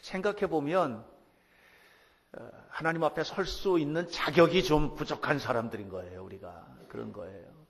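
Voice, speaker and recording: Middle-aged pastor, gravelly, in a reverberant hall. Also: male voice, fairly high pitch, moderate pace. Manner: animated storytelling, acting out quoted voices. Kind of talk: sermon. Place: church sanctuary.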